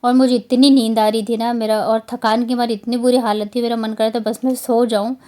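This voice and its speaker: Casual home-vlog narration from a woman in her thirties from Bihar, India, who rambles along with many fillers. Her voice is a little high and dark in tone, delivered flatly at a brisk clip.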